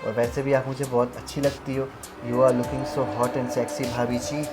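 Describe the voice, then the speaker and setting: A man's voice: on the high side, fairly quick, over music, natural voice. A young man playing a wheedling, pushy brother-in-law. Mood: coaxing. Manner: coaxing, wheedling. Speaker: actor in a short film. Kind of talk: melodramatic web short film acting.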